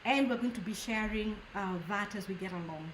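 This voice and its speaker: A woman pastor hosting a casual chat, speaking earnestly and gratefully with frequent pauses and fillers. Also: mid-range voice, slight background noise. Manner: earnest, thankful, hesitant with fillers. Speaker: pastor and host. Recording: echoey room.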